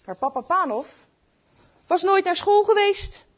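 A woman reading a Christmas story aloud to children, slow and expressive, speaking to her listeners. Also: extremely high pitch.

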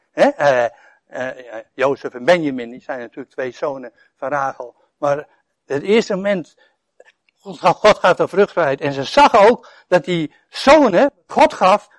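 A man's voice: on the high side, dry recording. An older man preaching a sermon in a chatty way, with many asides, chuckles and emphatic scripture reading. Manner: conversational, with frequent "eh" and "hè" asides and soft chuckles; reads scripture passages with rising, emphatic voice. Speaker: pastor.

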